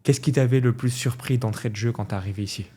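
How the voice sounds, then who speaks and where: A man's voice: mid-range voice, fast talker, warm tone. A man hosting an interview podcast, asking questions and laying out his topics in an orderly way. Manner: structured, lays out points in order. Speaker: podcast host.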